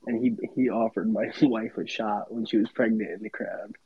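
A man's voice: lowish voice, steady tone, moderate pace, breathy edge, no echo, narrow, tinny audio. A man in his late twenties in a casual podcast chat, talking in a blunt, profane and provocative way. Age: 20s.

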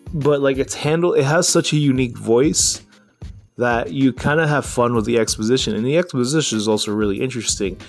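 A man's voice: mid-range voice, a little fast, creaky, soft background music. A man hosting a casual solo podcast about writing, talking in a loose, rambling way with lots of fillers and restarts while he has the hiccups. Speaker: podcast host.

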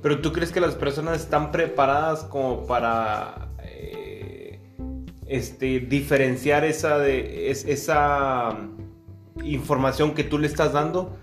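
A man's voice: mid-range voice, expressive, takes it slowly, soft background music. A man in casual podcast chat, reasoning aloud with many hesitations. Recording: roomy echo.

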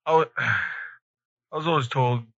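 A man's voice: mid-range voice, takes it slowly, a bit bright, dry recording. A man hosting a podcast in casual chat, speaking somewhat hesitantly in short, tentative phrases. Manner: hesitant, brief tentative replies. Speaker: podcast host. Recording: dull, dry lo-fi audio.

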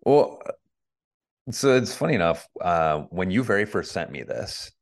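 Man, very deep voice, casual chat, rambling, self-deprecating. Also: animated, unhurried. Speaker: podcast co-host.

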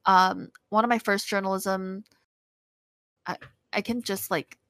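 A woman in casual chat, candidly telling animated stories and acting out what others said. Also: medium pitch, a little slow, dry recording. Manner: candid, animated storytelling, acts out quotes.

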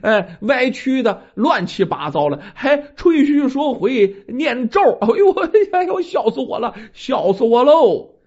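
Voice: medium pitch, animated, slow pace, a little mellow, dull audio. A storyteller voicing a fierce, mocking male ghost who laughs and taunts. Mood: cackling.

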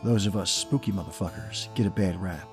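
Low-voiced male horror host over music. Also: fairly quick, creaky. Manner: theatrical, tongue-in-cheek macabre showman. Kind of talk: horror host, scripted spooky narration. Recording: music behind the voice.

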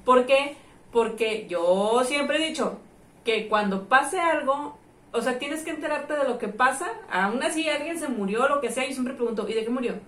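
A woman's voice: high-pitched, unhurried. A Mexican woman co-hosting a casual podcast chat, telling stories full of swearing and acting out the people in them. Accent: Mexican Spanish. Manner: profane, animated storyteller who acts out the people in her stories. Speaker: co-host. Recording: roomy echo, distant mic.

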